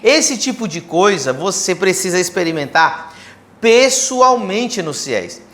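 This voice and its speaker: A man's voice: high voice, sing-song, slow pace, fairly bright tone. A man pastor on a church livestream, enthusiastically promoting an event and talking at length. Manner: enthusiastic promoter, talks a lot.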